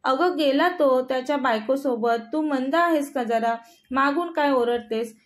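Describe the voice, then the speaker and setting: A woman's voice: high voice, a little slow. A woman voicing a young man, a blunt friend who scolds a woman for what she did. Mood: scolding.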